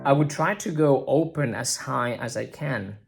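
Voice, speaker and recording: Male singing teacher, Italian native speaker, slow and halting talk, simple mic, faint music underneath. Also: medium pitch, vocal fry. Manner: halting, many restarts, drawls words, breaks into sung notes. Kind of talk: casual spoken lesson with sung examples. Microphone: simple microphone.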